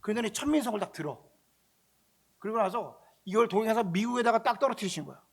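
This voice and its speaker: Brief: male pastor, animated storytelling sermon, husky gravelly voice that pushes up high. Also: fast. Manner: animated, conversational, acting out quotes, shouting at peaks.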